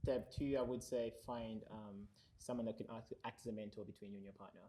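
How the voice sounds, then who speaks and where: A man's voice: fairly low pitch, steady tone, a little fast, warm tone, a little hiss or hum. A man as a guest on a casual panel chat, talking earnestly with many fillers and restarts.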